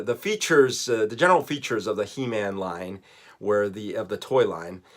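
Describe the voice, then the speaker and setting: A man's voice: mid-range voice, a bit bright. Chatty self-mocking man from Colombia. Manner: chatty, self-mocking, laughs often while talking. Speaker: vlogger. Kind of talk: casual storytelling to camera.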